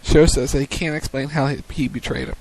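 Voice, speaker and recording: A man's voice: medium pitch, fairly even intonation, a little fast, a little mellow, poor audio. A man co-hosting a wrestling post-show on web radio, recapping segments and calling matches like a commentator. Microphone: studio mic on a web radio show.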